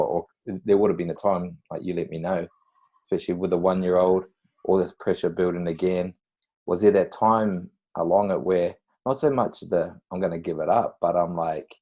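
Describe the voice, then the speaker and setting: A man's voice: low-pitched, warm tone. A man with a New Zealand accent hosting a casual interview, asking informal, rambling questions in a matey way. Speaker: podcast host, interviewer. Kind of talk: casual chat.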